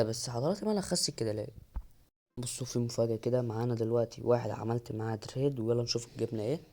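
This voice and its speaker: A young man with an Egyptian Arabic accent giving excited, joking gameplay commentary, counting reps aloud and talking straight to his viewers. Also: mid-range voice. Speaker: gaming YouTuber.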